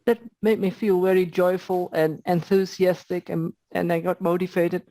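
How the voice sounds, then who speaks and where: A woman's voice: fairly low pitch, steady tone, moderate pace, dark tone, no room sound. A woman at home telling a casual story over a video call, friendly and with some fillers. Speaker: session participant.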